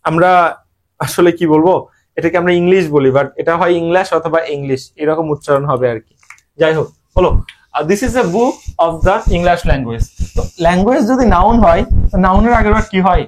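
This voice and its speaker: An English grammar lesson for admission prep is delivered online by a young man whose voice sits high and who has a Bangladeshi Bengali accent. He drills his students using rhetorical questions.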